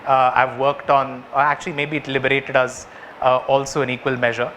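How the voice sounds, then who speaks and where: A man's voice: mid-range voice, level tone, a little fast, pushed and bright, slight background noise. A man with a South Indian accent presenting work to clients in a conversational way, often checking in with short rhetorical questions. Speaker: advertising agency presenter.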